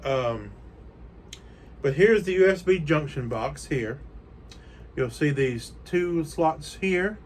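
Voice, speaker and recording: A man's voice: fairly high pitch, lively intonation, slow pace, pauses often, slight background noise. A man hosting a casual unboxing video from a room of collectibles, chatting and rambling with frequent fillers. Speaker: toy collector host.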